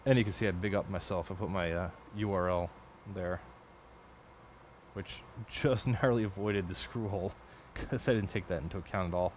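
Low-voiced man rambling at a workbench. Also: steady tone, moderate pace, a little hiss or hum. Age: adult. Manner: rambling, profane, self-correcting. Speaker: electronics hobbyist streamer. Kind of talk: casual build commentary. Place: home workbench at night.

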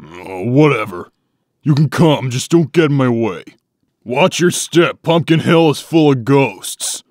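A man voicing a gruff, easily irritated young echidna guardian in a cartoon comic dub, brooding and terse. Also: mid-range voice, animated, no room sound, studio quality. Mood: grudging. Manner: brooding and terse, quick to get indignant.

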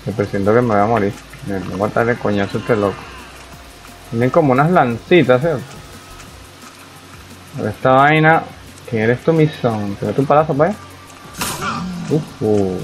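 Gaming commentator: young man, mid-pitched, chatty, talking to himself over faint background music. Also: moderate pace, long pauses, poor audio. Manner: chatty, reacts aloud to the game, talks to himself. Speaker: gaming YouTuber. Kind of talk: casual let's-play commentary.

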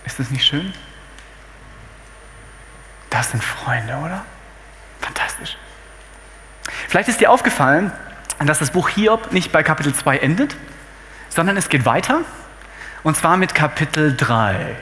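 A man's voice: a little high, animated, measured pace, long pauses, pushed and bright, slight background noise. A man preaching a sermon to his congregation, telling a story and breaking it up with casual, chatty asides. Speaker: pastor. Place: church hall. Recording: hall reverb, faint ambience.

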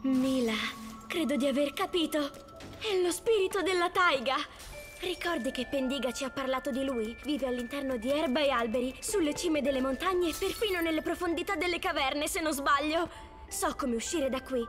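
A woman's voice: high voice, moderate pace, music in the background, close to an everyday voice. A woman voicing a brave young male leopard cub in a children's cartoon dub, earnest, eager and reassuring.

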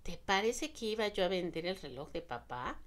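A woman's voice: on the low side, sing-song, moderate pace, voice pushed up. A proud, commanding young lady, as a woman narrator voices her. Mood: coaxing.

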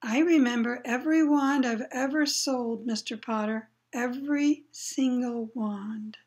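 A woman voicing an eccentric old male wandmaker, fussy and eerie, moving from low murmurs to excited cries. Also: a little slow, lightly acted. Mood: hushed, intent.

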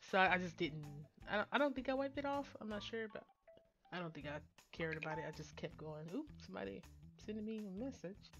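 A woman's voice: medium pitch, expressive, brisk, dull audio, music in the background. A woman narrating her nail art tutorial in a casual, chatty voice-over that rambles with fillers and restarts.

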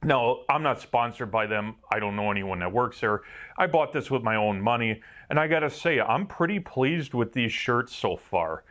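This welder's voice is medium-pitched, a bit bright and lively, at a moderate pace, carrying a Wisconsin accent. He reviews work gear casually, rambling and self-mocking with some swearing.

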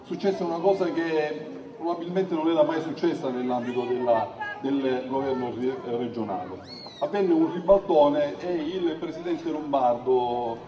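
A man's voice: on the high side, dull audio, crowd noise. Echoey Sicilian man at a political rally. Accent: Sicilian Italian. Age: middle-aged. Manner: emphatic, halting phrases with repetition. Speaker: campaign speaker. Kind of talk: impassioned political rally speech. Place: outdoor stage before a crowd at night. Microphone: podium microphone, not close. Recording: echoey public-address, distant from mic.

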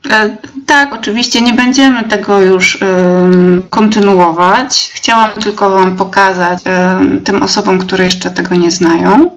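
A young woman teacher leading a live webinar, explaining step by step with many fillers and pauses. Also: medium pitch, fairly even intonation, dull audio. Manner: slow, hesitant, many fillers, reads out chat replies.

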